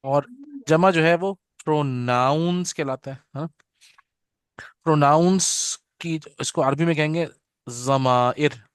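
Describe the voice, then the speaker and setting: Guy teaching a grammar lesson, slightly high voice, dry close sound, says every term twice, checks in a lot. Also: no echo. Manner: patient, repeats terms slowly with frequent "theek hai na" check-ins; leads students in call-and-response repetition. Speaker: Arabic teacher.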